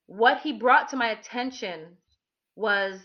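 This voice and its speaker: Woman, higher voice, candid animated storyteller, dull lo-fi recording. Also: takes it slowly. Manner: candid, animated, frequent restarts and fillers. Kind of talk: personal storytelling to an audience.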